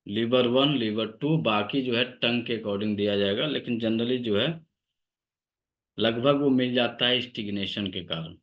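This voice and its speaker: A man teaching an acupressure class, listing points and symptoms in a slow, steady instructive tone. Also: mid-range voice. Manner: dictates point names slowly, steady instructive tone. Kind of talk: online class lecture.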